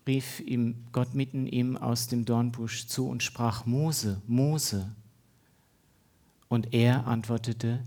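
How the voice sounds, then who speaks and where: Ein Mann hält eine Predigt und liest zwischendurch eine Bibelstelle vor, mit kleinen Versprechern. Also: male voice, medium pitch, a little mellow. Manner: unhurried, reads scripture aloud with small slips. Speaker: preacher. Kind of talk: sermon.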